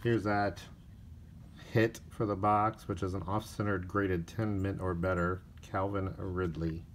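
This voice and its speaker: A man's voice: low voice, slight background noise. A man opening card packs on camera, casually talking through each one and listing player names, a little tired. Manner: unhurried, reads off player names in a flat list. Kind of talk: casual pack-opening commentary. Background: crinkling wrappers and card clicks.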